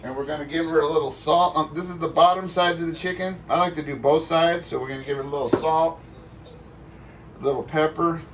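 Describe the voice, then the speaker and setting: A man's fairly bright, slightly high voice moves a little fast with fairly even intonation as he presents a folksy, playful cooking demonstration. This home cook uses sound words and exclamations to guide viewers through a recipe, recorded on a distant mic with faint background noise.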